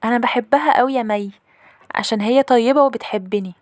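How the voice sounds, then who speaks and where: Woman voicing a little girl, high childish voice, stubborn, quick, dry close sound. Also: dry recording, natural voice. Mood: secretive. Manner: high childish pleading, bursting into shouts. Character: young girl, stubborn and defensive.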